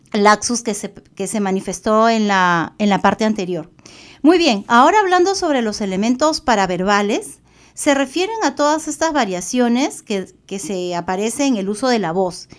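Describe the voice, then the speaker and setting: A woman with a Peruvian Spanish accent delivers a recorded online psychology lecture. Her voice sits somewhat high, and she explains step by step, pausing on fillers and correcting herself now and then.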